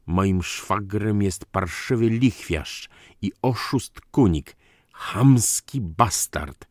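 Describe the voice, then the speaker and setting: A man reading an audiobook voices a proud, unstable aristocratic count who bursts out in indignant, theatrical shouts. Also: fairly low pitch, animated, extremely slow, no echo, clean studio sound, voice pushed up. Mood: furious. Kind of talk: audiobook character voice.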